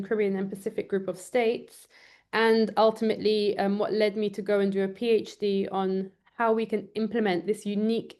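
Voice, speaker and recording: A woman law lecturer from Trinidad and Tobago, who was raised in London, gives an online presentation full of ums and restarts. Her voice is medium-pitched with a darkish tone. She is recorded over a video call microphone.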